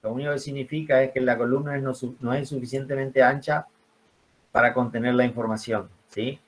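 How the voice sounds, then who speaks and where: A man with an ordinary, mid-pitched voice leads a spreadsheet class over an online call. He explains each step patiently and keeps turning to his students with questions. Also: steady tone, brisk. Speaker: teacher.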